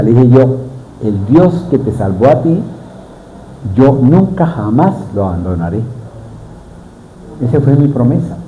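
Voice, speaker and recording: A man's voice: medium pitch, dull audio, slight background noise. A middle-aged man preaching a sermon, often putting questions to his congregation.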